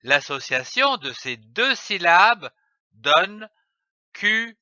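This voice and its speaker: Guy reading teacher, crisp bright voice, spells out syllables real slow, bouncy pitch. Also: very animated, dry recording, highs cut off. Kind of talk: scripted reading lesson for young children.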